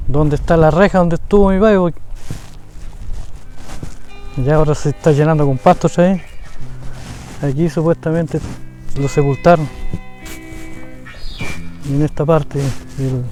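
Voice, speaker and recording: Mellow-voiced man outdoors. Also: on the high side. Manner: plain, explaining while pointing out a site. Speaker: interviewee. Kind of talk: documentary testimony. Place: outdoors at a cemetery.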